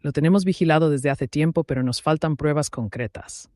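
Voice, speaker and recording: A man voicing a firm, professional middle-aged police inspector in an audio story, giving brisk commands. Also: on the high side, darkish tone, dry recording, studio quality, close to an everyday voice. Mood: urgent, professional.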